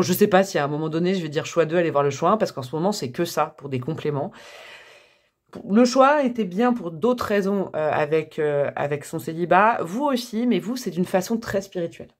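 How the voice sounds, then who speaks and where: A woman's voice: mid-range voice, darkish tone. A woman giving a casual tarot reading to camera, chatty and thinking aloud with many fillers and small laughs. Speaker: tarot reader.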